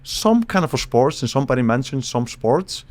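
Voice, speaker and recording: A man from Iceland, a psychologist guest on a podcast, explaining in a thoughtful, halting way with frequent restarts. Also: medium pitch, sing-song, darkish tone. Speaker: psychologist and charisma expert guest. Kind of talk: casual podcast interview.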